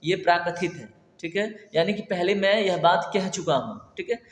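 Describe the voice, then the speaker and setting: Man, Hindi exam tutor, chatty and quizzing, fairly high voice, roomy echo with long reverb. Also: expressive, moderate pace. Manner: chatty teacher, keeps asking "ठीक है?" and quizzing viewers. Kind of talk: online exam-prep lesson. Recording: echoey room with long reverb.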